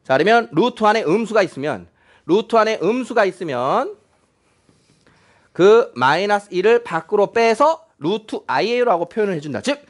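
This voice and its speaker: Middle-aged man, high animated voice, chatty classroom lecturer who quizzes students. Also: moderate pace. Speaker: math teacher.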